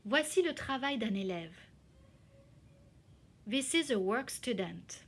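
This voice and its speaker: A woman teacher explaining a reading exercise to children slowly and carefully, sounding out syllables. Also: a little high, lively intonation, a bit bright. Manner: slow, careful, spelling out syllables. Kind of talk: slow classroom explanation in two languages.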